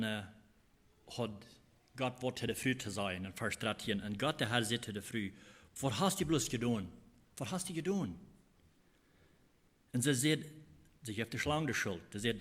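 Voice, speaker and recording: Male preacher, mid-pitched, halting sermon delivery with repeated phrases. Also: a bit bright. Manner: halting, repeats phrases while explaining scripture.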